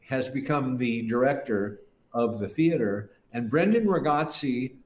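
Speaking unhurriedly and with animation at a medium pitch, an older guest musician rambles through long interview anecdotes and often restarts what he's saying. The room echoes, and there's a little hiss or hum.

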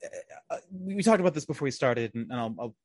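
A man chatting as a podcast guest, full of restarts, asides and casual swearing. His voice sits in an ordinary middle pitch. The recording is close-miked and dry, with no room sound. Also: fast talker, dry recording. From raised partly in America, partly overseas. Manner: animated, rambling, self-interrupting, swears freely. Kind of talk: casual interview chat.

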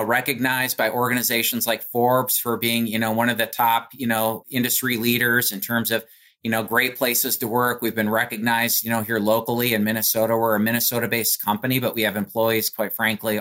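In this conversational business interview answer, an American executive explains things in slick corporate phrasing, dropping "you know" here and there. His voice sits in the mid range with a slightly bright quality.

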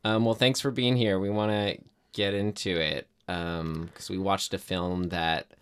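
A man co-hosting a casual podcast chat, halting and restarting words, laughing often. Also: deep voice, level tone, clear, resonant tone. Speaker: podcast co-host.

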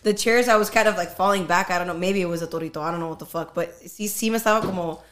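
A woman's voice: lowish voice, very fast, fairly bright tone. Slangy young woman. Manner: slangy, profane, switches between English and Spanish. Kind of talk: casual chat, storytelling among friends.

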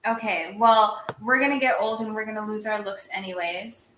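Bright-voiced young woman in an echoey room. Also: mid-range voice, steady tone, moderate pace. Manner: chatty, explains at length with hedging fillers. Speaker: guest. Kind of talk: casual chat.

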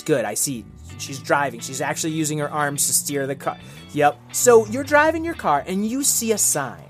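Animated man telling a children's story. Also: fairly high pitch. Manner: encouraging, playful. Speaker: host and storyteller.

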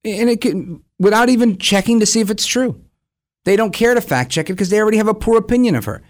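A man's voice: high-pitched, animated, fast talker. A man gives opinionated, conversational commentary as a program host, acting out imagined dialogue and posing rhetorical questions. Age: 40s.

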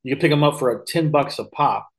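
A real estate investor in his fifties from Missouri, United States, speaks with an American accent as a podcast guest. He talks casually, rambling through personal anecdotes and often correcting himself. His voice is fairly high and his pace quick.

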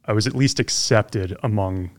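A man in his forties, a podcast guest who grew up overseas, telling his life story in a relaxed, conversational way that turns animated when he gets excited. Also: lowish voice, moderate pace. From grew up abroad (Belgium, Zimbabwe, Pakistan), then Florida. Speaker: podcast guest, former Army helicopter pilot. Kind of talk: casual interview storytelling.

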